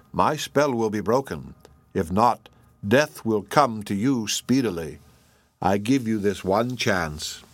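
A man voicing a crocodile that speaks as fate itself, slow, solemn and commanding, in a storybook reading. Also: fairly low pitch, no room sound. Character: ominous crocodile embodying fate, male.

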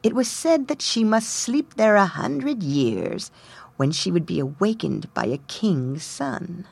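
A woman voicing a humble old male peasant who tells an old legend slowly and respectfully. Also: medium pitch, very animated, creaky, breathy edge, no echo, full character voice. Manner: respectful, slow storytelling.

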